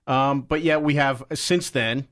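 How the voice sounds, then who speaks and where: A man's voice: mid-range voice, measured pace, a bit bright. A man, a company president, casually telling anecdotes as a joking interview guest.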